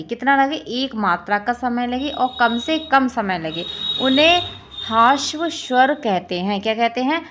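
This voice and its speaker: This fairly high, bright-toned woman's voice belongs to a teacher with a Hindi-belt Indian accent. She works through exam questions and answers in a prep lesson, turning each answer back into a quiz question.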